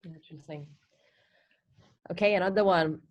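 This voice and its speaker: Low-voiced woman interviewer. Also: normal speed, highs cut off. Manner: encouraging, brief. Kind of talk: interview questions.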